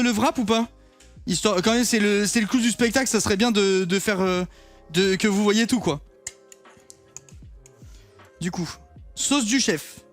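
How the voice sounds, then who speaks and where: A young man chatting casually to viewers while cooking in his home kitchen, swearing now and then. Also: high-pitched. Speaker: streamer cooking on stream. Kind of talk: casual live cooking chat.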